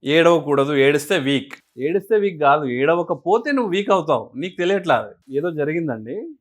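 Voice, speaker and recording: Man, interview guest, lively pitched delivery, rhetorical questions. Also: fairly quick. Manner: animated, asks and answers his own questions. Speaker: guest speaker on emotions. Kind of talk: explanatory interview talk.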